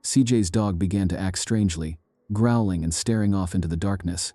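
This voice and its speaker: A man giving a measured, ominous scripted narration of eerie true stories. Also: sits low, dark tone.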